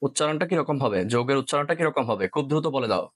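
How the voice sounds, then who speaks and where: A man's voice: a little high, animated. A man from Bangladesh teaching a live online science class, repeating points and checking if students follow. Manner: quick, repeats points, asks "clear?"; mixes in English words.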